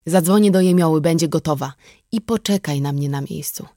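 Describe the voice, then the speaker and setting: A composed woman in authority, controlled and matter-of-fact, read by a woman in an audiobook. The voice sits lowish and even. The recording is dry and close. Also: brisk, dry recording. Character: composed woman official in charge. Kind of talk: audiobook reading.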